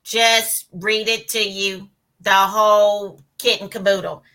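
A woman's voice: medium pitch, flat delivery, slow pace, pushed and bright, poor audio. A woman co-hosting a faith conversation, responding with affirming remarks and folksy phrases.

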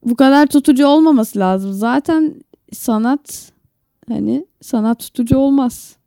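In a relaxed, opinionated podcast chat, a female co-host shares her views. She speaks at a normal speed in a high-sitting voice that is gravelly yet warm. There's no echo, and the studio sound is clean.

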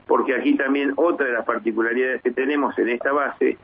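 Man in his fifties, husky voice, measured and halting, phone-line sound. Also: mid-range voice, fairly even intonation. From Argentina. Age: 50s. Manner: measured, many hesitations and restarts. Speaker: base commander guest. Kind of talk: phone interview on radio.

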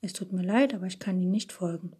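A woman's voice: lowish voice, quick pace, darkish tone, husky. A woman voicing a proud, indignant male chess master confronted at gunpoint. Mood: startled.

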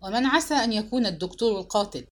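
A woman reading the part of a grieving husband who shouts accusing questions. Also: mid-range voice, animated, racing, lightly acted. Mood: furious. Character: grief-stricken, furious husband demanding answers. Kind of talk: dramatic novel narration.

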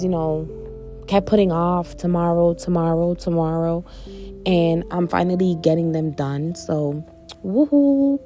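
A woman's voice: lowish voice, warm tone. A woman talking casually in a personal vlog, blunt and profane, speaking outdoors on her porch. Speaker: vlogger. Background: faint music and street noise.

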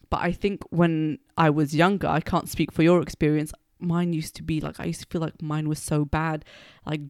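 A speaker chatting in a candid, reflective way, with lots of "like" fillers. The voice sits at a middle pitch. It is recorded dry and close, with no echo. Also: a little mellow. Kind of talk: casual conversation.

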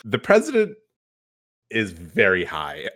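A lowish, slightly bright male voice swoops wildly in pitch, recorded in clean studio sound with no echo. As a podcast host, he reacts to clips with incredulous, mocking, sarcastic commentary full of quick asides.

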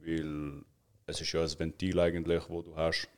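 Swiss german co-host, very low voice, laid-back and hesitant. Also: male voice, completely flat delivery, normal speed. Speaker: podcast co-host. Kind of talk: casual chat.

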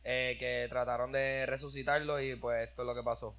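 A man's voice: mid-range voice, level tone, a little fast, a bit bright. A man with a Puerto Rican Spanish accent, co-hosting a casual stream chat with slangy, laid-back banter.

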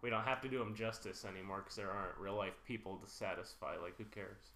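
A man's voice: fairly low pitch, fairly even intonation, fast, pushed and bright, roomy sound, slight background noise. A man co-hosting a film podcast, chatting casually and with strong opinions, trailing off into fillers. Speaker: podcast co-host.

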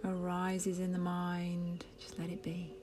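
A woman leading a guided meditation, speaking softly in a half-whisper with long pauses. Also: lowish voice, completely flat delivery. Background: soft music.

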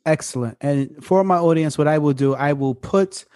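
Male podcast host, slightly high pitch, playful and irreverent, dry recording. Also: moderate pace, a little mellow, no echo. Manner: playful, joking, swears, mock radio voice. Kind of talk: casual podcast chat.

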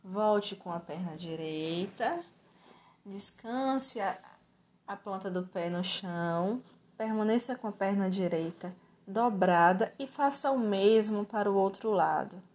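A yoga instructor with a Brazilian accent and a mid-range voice guides a yoga and relaxation session. She speaks calmly and soothingly at a measured pace, with gentle pauses.

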